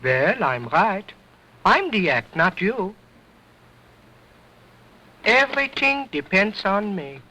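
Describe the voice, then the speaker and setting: Cheeky ventriloquist dummy: fresh-mouthed, broken grammar, singsong and slow, old film sound. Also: male voice, high voice, sing-song, sharp tone, pitched above the performer's own voice, heavily acted, rough recording. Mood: sassy. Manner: wisecracking, sassy, broken grammar, slow drawl. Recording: vintage 1929 film soundtrack.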